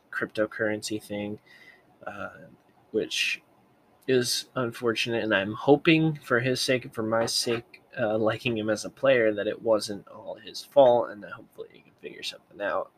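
A man's voice: fairly low pitch, moderate pace, a little hiss or hum. A young man hosting a sports video, commenting casually and thinking aloud, often correcting himself as he goes.

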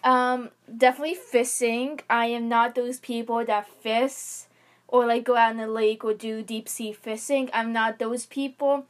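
A young woman in casual chat, co-hosting and calmly explaining her views at length. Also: a little high, a little slow.

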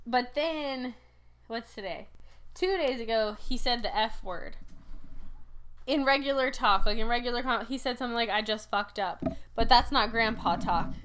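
A young woman in her twenties tells stories in casual chat, with a fairly high voice. She laughs often and keeps the talk loose and chatty. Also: fairly bright tone, clean tone. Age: 20s.

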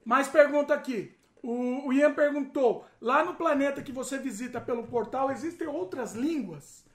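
A Brazilian woman with a high, light voice plays host in a casual family chat. She coaxes and encourages a child through questions in a playful way. The room gives her voice a noticeable echo. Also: moderate pace. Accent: Brazilian Portuguese. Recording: roomy echo.

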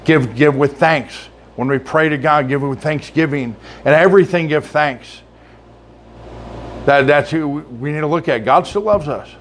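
Male pastor, slightly raised pitch, earnest sermon delivery with repetitions and restarts, church setting. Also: a little slow, a little hiss or hum. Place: church sanctuary.

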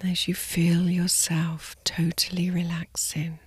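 A woman guiding a sleep meditation in a soft, soothing spa-like whisper, gently and in short, unhurried phrases. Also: fairly low pitch, monotone, husky, dry recording. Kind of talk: guided sleep meditation narration.

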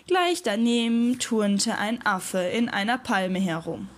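A woman reading a children's adventure story aloud in a gentle storytelling manner. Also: a little high, takes it slowly.

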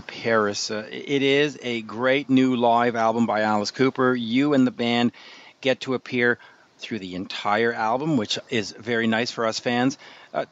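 Male interviewer, tired, rambling, trips over words, mid-pitched, muffled lo-fi audio. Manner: rambling, stumbling, self-deprecating. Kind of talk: casual interview.

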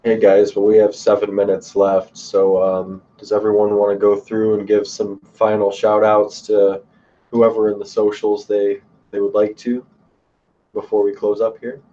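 A man's voice: lowish voice, monotone, normal speed, mellow. A man casually hosting a livestream panel, wrapping up and addressing the group. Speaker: livestream host. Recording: dull livestream audio, distant from mic.

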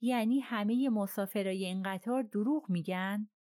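A woman voicing an excitable, effusive middle-aged railway director in an audiobook. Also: mid-range voice, no room sound, studio quality, pitched above the performer's own voice, close to an everyday voice. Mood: exasperated. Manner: effusive, exclaiming.

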